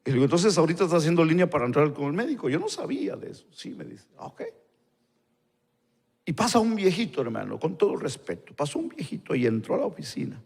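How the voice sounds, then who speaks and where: A male pastor, telling a story in a live sermon and acting out the dialogue in quieter voices. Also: a little high, big pitch swings, fast talker, gravelly. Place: church hall. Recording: long church-hall reverb.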